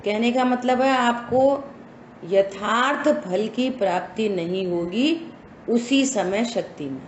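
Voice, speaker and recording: In a scripture study lesson, a woman religious teacher speaks slowly and emphatically, asking rhetorical questions of her listeners. Her voice is a little high, with slight background noise and an echoey room with faint ambience.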